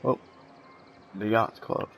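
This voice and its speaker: A man's voice: slow, a bit bright, slight background noise. A man hosting a let's play, giving casual game commentary and reading dialogue choices aloud.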